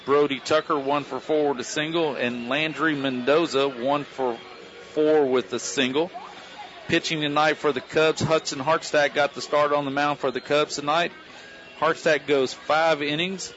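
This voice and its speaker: American man calling local sports, muffled broadcast sound. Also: fairly bright tone. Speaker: baseball play-by-play announcer. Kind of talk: post-game sports commentary and interview. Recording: dull low-fi local radio broadcast.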